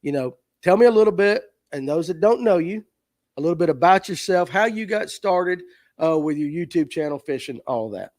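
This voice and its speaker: A man hosts a casual fishing podcast, his voice on the high side for a man. He talks in an easygoing, joking way and chimes in often. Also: animated, normal speed, darkish tone, no echo, clean studio sound. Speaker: podcast host.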